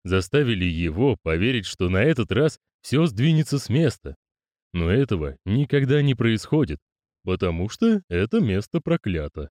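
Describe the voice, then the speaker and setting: A mournful old postal veteran from an audiobook, as a male narrator plays him, speaking low and resigned. He sounds worn out by years of disappointment. Dry, close sound. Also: big pitch swings, normal speed, darkish tone, dry recording. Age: older.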